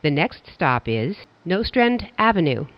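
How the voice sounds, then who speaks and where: The clip is a subway announcer's formal, scripted transit announcements, phrased in clipped stock wording. Slow pacing pairs with lively pitch movement, and the sound quality is a bit dull and lo-fi.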